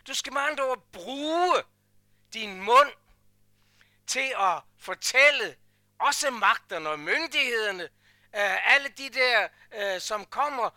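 A man preaching a sermon, emphatic, swinging from hushed asides to loud repeated declarations. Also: extremely high pitch, animated, no room sound, clean studio sound. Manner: repeats phrases in a rhythmic build.

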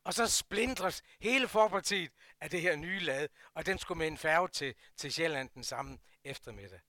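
Older Jutlandic man telling a lively story. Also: on the high side, dry recording, studio quality. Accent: Jutlandic Danish. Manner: lively storytelling, swings from loud to hushed. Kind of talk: personal anecdote.

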